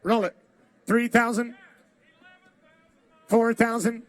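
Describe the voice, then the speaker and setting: A man's voice: extremely high pitch, level tone, slow, no room sound. A man working as an auctioneer, calling bids in a rolling, repetitive chant of numbers. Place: live car auction.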